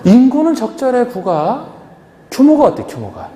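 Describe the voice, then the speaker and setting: A man's voice: very high-pitched, very animated, moderate pace, warm tone. Man lecturing in an echoey hall. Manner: questioning, rhetorical, coaxing the class. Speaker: real estate agent exam instructor. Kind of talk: classroom lecture. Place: large lecture classroom.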